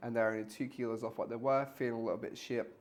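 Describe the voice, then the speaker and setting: A man's voice: medium pitch, flat delivery, very fast. A man co-hosting a fitness podcast in a casual, talkative chat that sometimes speeds up and includes casual swearing. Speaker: podcast co-host, fitness trainer.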